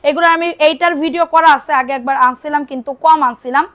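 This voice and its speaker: Fast high-voiced woman selling dresses live. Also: a bit bright. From Bangladesh. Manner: repeats prices and calls to order, chats with commenters. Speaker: online clothing seller. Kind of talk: live-stream sales pitch.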